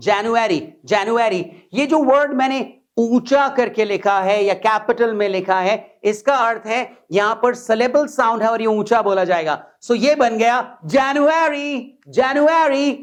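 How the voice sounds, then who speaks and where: Slow, deliberate male pronunciation teacher. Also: extremely high pitch. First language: Hindi. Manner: repeats words slowly and deliberately for practice. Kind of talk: video lesson explained in Hindi.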